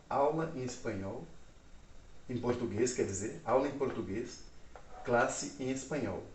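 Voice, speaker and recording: A man teaching Spanish in a casual online lesson, explaining slowly and checking in with listeners often. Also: medium pitch, a little mellow, distant mic. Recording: echoey room.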